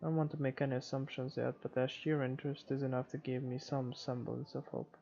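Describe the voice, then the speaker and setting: In this let's play, a man reads a visual novel aloud in a creaky, medium-pitched, dark-toned voice that barely moves in pitch. His reading is informal and a little halting. Music plays under slightly muffled audio.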